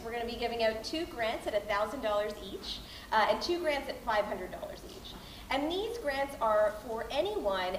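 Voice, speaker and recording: A woman's voice: a little high, slight background noise. A woman in her thirties with a Canadian accent, chatty and bubbly with many fillers, announcing grants as a board chair to a crowd. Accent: Canadian English. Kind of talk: casual announcement speech. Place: large hall with a mural, indoors. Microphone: far camera, no microphone. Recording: roomy hall from a distant camera.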